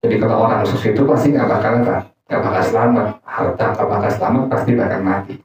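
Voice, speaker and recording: A man's voice: on the low side, fairly even intonation, fast, darkish tone. A man teaching an informal religious study class, joking and quizzing his audience with questions. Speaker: Islamic teacher. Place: gathering room with an audience. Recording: echoey room, distant, dull mic.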